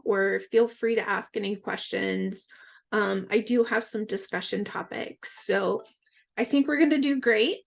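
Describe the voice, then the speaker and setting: A woman hosts a webinar over a video call in a relaxed, friendly way, dropping fillers as she goes. Her voice sits a little high. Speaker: webinar host. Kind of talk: casual hosting. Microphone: video call mic.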